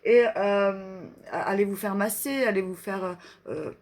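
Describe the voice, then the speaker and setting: A woman doing a live card reading, slowly reading self-love affirmations aloud and chatting with her viewers between them. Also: mid-range voice, a little mellow. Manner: slow, drawn-out reading of affirmations, chatty asides. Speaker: energy reader and card reader.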